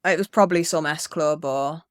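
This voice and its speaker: Speaking at normal speed in a deep voice, a young woman co-hosting a podcast casually tells a wandering childhood story. She swears freely and voices the people involved. The recording is dry and studio-clean.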